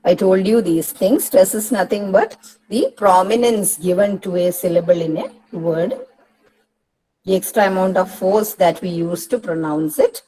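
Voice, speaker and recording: A woman's voice: medium pitch, extremely slow, a crowd in the background, poor audio. A woman with a Malayali accent teaching English pronunciation for an exam, explaining step by step and repeating key words. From Kerala, India. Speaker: English tutor. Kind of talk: exam-prep lecture mixing Malayalam and English.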